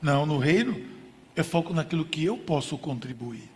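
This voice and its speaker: A man's voice: on the high side, expressive, moderate pace, a little mellow. A man preaching a sermon with emphasis, using contrasts and rhetorical questions. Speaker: pastor. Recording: long hall reverb.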